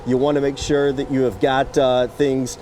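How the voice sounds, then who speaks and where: A male weather reporter stands outdoors in a storm, with clear noise behind him on a phone feed. His voice is raised and urgent as he reports live at a middling pitch. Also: level tone, normal speed, darkish tone. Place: outdoors at station's back deck. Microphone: cell phone. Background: wind, rain and sirens.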